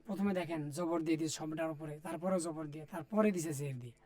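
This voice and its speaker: In a letter-by-letter spelling drill, a man teaches Quran reading, patiently and repetitively spelling out Arabic letters and vowel marks while addressing viewers directly. He has a Bangladeshi Bengali accent and a fairly high, dark voice, and he talks rapid-fire.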